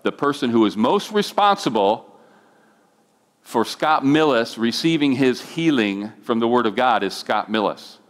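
A man's voice: medium pitch, expressive, measured pace. A middle-aged man, a pastor, telling a personal testimony in a sermon, his voice climbing when he gets emotional. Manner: emotional storytelling, voice rising when moved.

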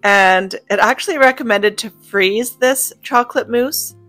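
A woman's voice: a little high, a little slow. A woman, narrating a cook-with-me homemaking vlog in a cheerful, chatty way and talking straight to viewers. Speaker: homemaking vlogger. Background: soft guitar music.

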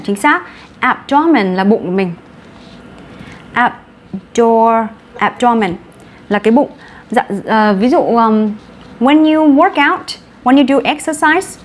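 A woman with a Vietnamese accent teaching English vocabulary in an online class, brisk and encouraging, mixing Vietnamese and English. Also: fairly high pitch, slight background noise.

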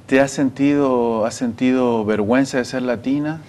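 Chilean man, fifties, TV host, easygoing, soft questions, studio lapel mic. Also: medium pitch, fairly even intonation, normal speed. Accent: Chilean Spanish. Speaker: TV interview host. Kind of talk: interview questions and sign-off. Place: dark TV studio set.

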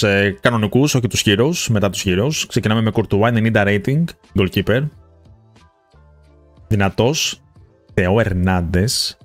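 A young man from Greece talks through a football game pack opening, listing player ratings in quick runs. His voice sits low and the sound is dry and close to the mic. Faint game music plays underneath. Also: dry recording. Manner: rattles through card stats, excited bursts at big pulls. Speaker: gaming YouTuber.

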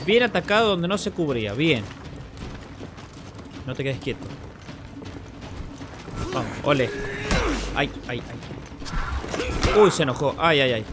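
A man hosting a gaming channel, giving excitable play-by-play commentary and repeating short exclamations over and over. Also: a little high, very noisy. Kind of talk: live gameplay commentary.

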